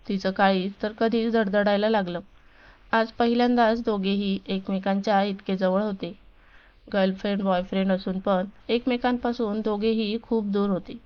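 A woman narrating a romantic storybook in a calm, even reading. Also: medium pitch, clean tone, muffled recording.

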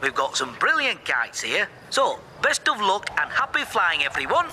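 A man's voice: high-pitched, wildly swooping pitch, moderate pace, very noisy. A man playing a cheerful, proud village festival announcer in a children's cartoon, with an upbeat public-announcement delivery. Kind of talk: children's stop-motion cartoon acting.

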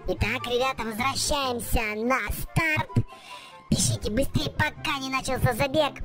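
High, childlike-voiced game host, exclamatory kids' commentary over clear background music. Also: animated, a little slow. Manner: exclamatory, repeats words in bursts. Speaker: video host. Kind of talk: excited game commentary for kids.

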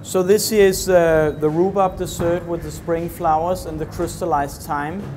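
Slow, halting chef at a kitchen counter. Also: male voice, on the high side, fairly even intonation, a little mellow, a little hiss or hum. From Denmark. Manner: slow, halting, many fillers. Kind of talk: cooking demonstration. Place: large professional kitchen.

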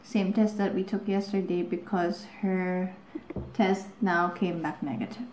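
A woman's voice: lowish voice, steady tone, measured pace. A young woman with a Filipino accent chatting casually to a camera, mixing Tagalog into English and trailing off. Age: young adult. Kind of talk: casual chat vlog. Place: apartment kitchen indoors. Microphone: camera at arm's length. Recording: roomy kitchen, light background noise.

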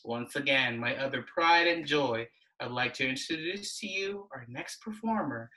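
A woman's voice: rumbling low, animated, normal speed, sharp tone, far from the mic, rough recording. A woman with a Filipino accent hosting a livestreamed pride stage show, chatty and playful with joking asides. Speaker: event host.

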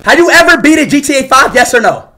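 Young man yelling excitedly on a headset. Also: very high-pitched, quick pace. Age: young adult. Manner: excitable, shouts and yelps, swears often. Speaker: streamer. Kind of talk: loud casual chat on a live video call. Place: small room indoors at a desk. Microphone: headset mic.

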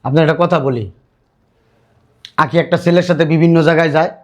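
A man's voice: a little high, steady tone, fast, darkish tone, close to an everyday voice. A man playing an insistent young elder brother. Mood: pleading. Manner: insistent, pleading. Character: earnest young stepson and elder brother, protective.

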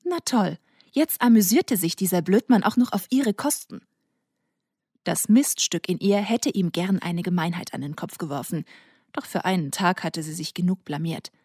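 Woman audiobook narrator, breathy, low, soft intimate reading, dry sound. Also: moderate pace, dry recording. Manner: soft, intimate, sometimes near a whisper. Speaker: audiobook reader. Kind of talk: scripted narration.

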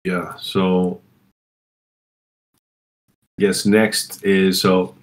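A man's voice: low-pitched, level tone, extremely slow. A man with a sore throat hosting a casual community call, rambling with fillers and restarts.

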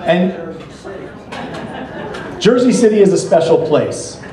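A middle-aged American man giving a formal introductory speech at a gala, measured and earnest with occasional light jokes. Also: high voice, expressive, mellow. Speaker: speaker introducing the keynote at a political gala. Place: banquet hall stage at a podium. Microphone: podium microphone, filmed from across the room. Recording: echoey hall from far off.

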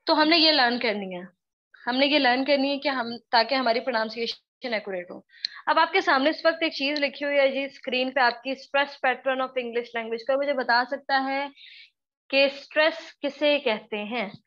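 Brief: woman from Pakistan, English teacher, hoarse and tired, high pitched, keeps asking the class questions, muffled lo-fi sound. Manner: questions students often, repeats herself, slow drawn-out example words. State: hoarse, worn-out voice. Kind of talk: live online class lecture.

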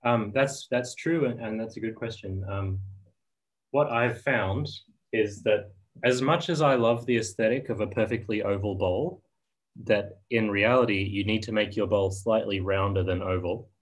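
A man explains his carving on a video call, speaking softly and hesitantly, often pausing and restarting his sentences. His voice sits fairly low and has a husky, breathy edge. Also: poor audio. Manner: soft-spoken, hesitant with many ums and restarts. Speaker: spoon carver giving a demo. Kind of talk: casual video-call discussion.

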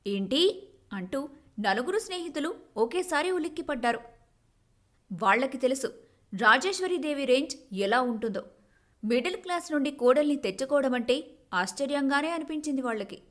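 A woman storyteller giving scripted, expressive narration of a family story. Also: high-pitched, normal speed.

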